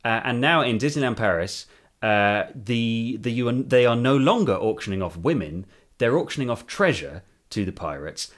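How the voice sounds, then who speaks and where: A man co-hosting a podcast in casual chat, laughing often and making quick asides. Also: mid-range voice, animated. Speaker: podcast co-host.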